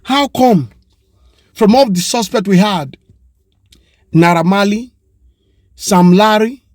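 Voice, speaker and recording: In what sounds like an opinion monologue, a Nigerian commentator argues passionately, firing off rhetorical questions and occasionally slipping into Yoruba. He speaks slowly in a high, slightly mellow voice with a Pidgin English accent, recorded close to the mic in a dry, dead space with no room sound.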